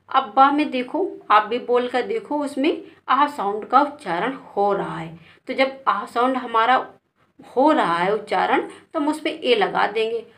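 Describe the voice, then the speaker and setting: A woman from India teaches a beginner spelling lesson at a very slow, deliberate pace. She spells each word out letter by letter and speaks to her learners as "beta". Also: on the high side, a bit bright.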